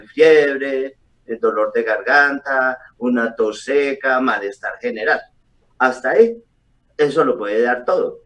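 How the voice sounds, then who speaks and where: A middle-aged man, a doctor, explaining calmly over a video call with frequent hesitations. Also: medium pitch. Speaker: doctor guest. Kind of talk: explanatory interview answers. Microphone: webcam on a video call. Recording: distant video call audio.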